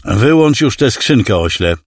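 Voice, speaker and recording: A man's voice: medium pitch, sing-song, measured pace, dry recording, studio quality, voice pushed up. A man voicing a cruel male alien clone villain who mocks and threatens in a condescending, menacing way. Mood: mocking menace. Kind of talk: audiobook character voice.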